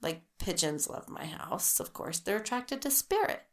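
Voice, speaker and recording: Woman, middle-aged, podcast co-host, casual chat, animated storyteller. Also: medium pitch, normal speed. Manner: chatty, animated storyteller with quoted voices. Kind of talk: casual chat over wine.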